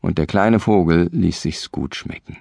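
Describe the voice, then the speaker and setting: A man reading a classic storybook aloud as audiobook narrator, measured and expressive. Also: low-pitched, vocal fry, dry recording, clean studio sound.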